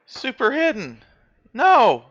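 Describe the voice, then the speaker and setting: A man's voice: extremely high pitch, wildly swooping pitch, slow, a bit bright. A man hosting a gaming video, teasing his brother with playful, sing-song commentary as they play. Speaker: gaming channel host. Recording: slightly dull audio with faint music.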